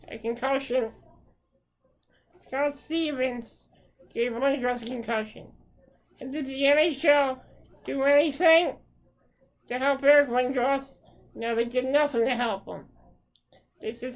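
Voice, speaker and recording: Woman ranting mad about hockey, swearing a lot, talks slow and kinda high. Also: dull audio. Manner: angry, profane, ranting. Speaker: hockey fan. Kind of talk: angry rant to camera.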